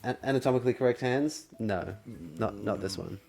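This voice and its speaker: A jokey man co-hosts a casual gaming livestream in a mid-pitched voice. He stammers and repeats words as he goes, tossing out asides and quips. His talk stays casual and unhurried. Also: gravelly, a little mellow. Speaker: livestream co-host.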